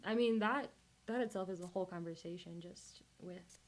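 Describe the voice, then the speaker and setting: A woman's voice: on the low side, normal speed, low-quality recording. A young woman, hosting a student podcast in casual chat and laughing often. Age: young adult. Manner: chatty, animated, laughs often.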